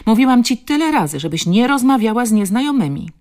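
A woman reading the part of a stern, overprotective elderly grandmother who snaps sharp commands. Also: on the high side, very animated, fast, pitched above the performer's own voice. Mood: scolding.

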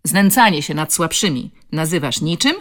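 A woman's voice: deep voice, moderate pace. A woman voicing a fierce adult woman who defends a child, speaking in a strong, throaty, commanding tone. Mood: scolding. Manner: scolding, commanding.

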